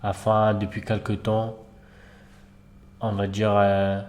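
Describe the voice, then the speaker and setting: A man's voice: fairly low pitch, completely flat delivery, takes it slowly, darkish tone. A man playing a father in his fifties, brief and plain-spoken. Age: 50s.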